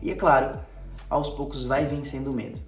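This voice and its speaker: A man's voice: medium pitch, little pitch movement, fairly quick. Man coaching sales, echoey room. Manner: didactic, lists numbered tips with everyday examples. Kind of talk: spoken sales tips to camera. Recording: roomy echo, distant mic, faint music.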